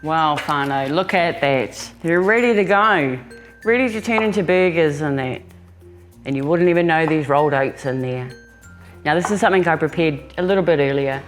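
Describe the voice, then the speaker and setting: Low-voiced New Zealand woman, chatty cooking host. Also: lively intonation, moderate pace, soft background music. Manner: chatty, informal, addressing viewers as family. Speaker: home cooking show host. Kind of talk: casual cooking demonstration.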